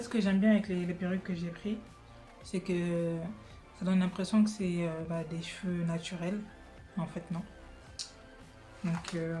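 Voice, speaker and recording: A woman's voice: fairly low pitch, warm tone. A young woman chatting casually in her living room during a wig try-on vlog, hesitant and full of fillers and restarts. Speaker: beauty vlogger.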